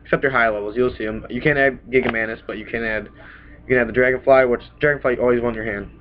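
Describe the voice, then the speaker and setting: A young man recovering from a cold rambles casually through a card deck for his webcam in a small room, often tossing in "bam." This card game vlogger's mid-range voice is fast with fairly even intonation, and the dull lo-fi desk webcam audio has a little hiss or hum.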